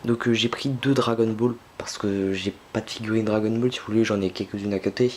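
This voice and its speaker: A man's voice: on the low side, fairly even intonation, brisk, darkish tone, slight background noise. A young man filming an unboxing at home, talking casually and hesitantly with many fillers and restarts. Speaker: unboxing vlogger.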